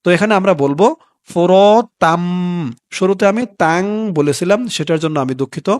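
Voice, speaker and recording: A man teaching Quran reading, spelling out letters and vowel marks and then chanting the verse slowly. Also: sits high, a little mellow, dry recording, clean studio sound. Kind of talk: spelling-out recitation lesson.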